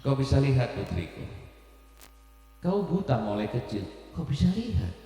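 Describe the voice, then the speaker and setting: A man's voice: mid-range voice, sing-song, normal speed, mellow. A man voicing an old king tearfully overjoyed that his daughter is healed, heard through an echoey hall with faint music. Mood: tender disbelief. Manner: emotional, pleading, crying out.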